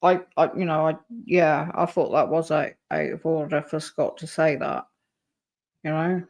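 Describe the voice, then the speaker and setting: A woman's voice: deep voice, steady tone, unhurried, darkish tone, highs cut off. A woman hosting a casual live stream, reacting to a clip and talking to her chat. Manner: chatty, reacting to a clip and reading chat aloud.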